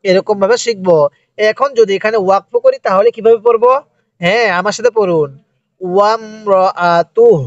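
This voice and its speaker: A man teaching Quran reading in a slow, step-by-step lesson, spelling out letters and syllables and having the listener repeat after him. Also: high-pitched, steady tone, no room sound. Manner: stretches recited words very slowly. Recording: dry, dull lo-fi sound.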